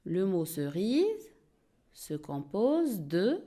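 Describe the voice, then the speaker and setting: A woman teacher leads a beginner reading lesson at a very slow, deliberate pace. Her mellow voice rises and falls in a lively, sing-song way as she repeats each word for the class. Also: medium pitch. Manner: slow, clear, repeats words for pupils to echo. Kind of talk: early-reading lesson for young learners.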